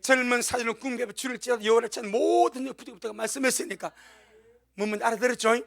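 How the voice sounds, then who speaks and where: A male pastor preaching with emphatic, exclaiming force, sometimes crying out to God. His voice sits very high and has a gravelly edge. He preaches in a church. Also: very fast, fairly bright tone. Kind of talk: sermon.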